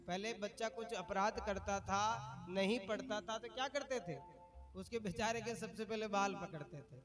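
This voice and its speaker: Over music, a man with a high voice speaks at normal speed as he preaches a devotional story sermon to an audience at a religious gathering. He often puts questions to listeners in a chatty, storytelling way.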